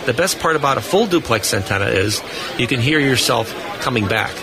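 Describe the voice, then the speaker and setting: A guest amateur radio expert in a live radio interview speaks briskly and animatedly in a medium-pitched voice, with music in the background. He shares detailed technical explanations and stories from a busy indoor convention hall booth, with crowd chatter all around.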